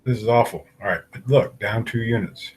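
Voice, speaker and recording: Male algebra teacher, slightly low husky voice, steady step-by-step explainer. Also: fairly quick, rough recording. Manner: talks through problems step by step, asking questions aloud. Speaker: math teacher. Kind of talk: recorded algebra lesson.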